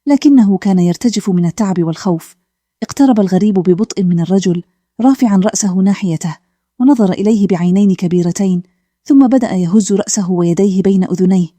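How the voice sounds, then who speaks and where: A woman narrating a calm bedtime story in a steady, even way. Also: mid-range voice, fast, no echo.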